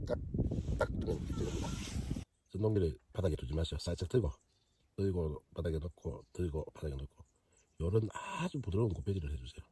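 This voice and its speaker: A fishing channel host with a Gyeongsang Korean accent gives chatty, joking commentary for a vlog on a frozen lake, talking to himself and to the fish. His deep voice is warm and slightly rough, and he's recorded from a distance.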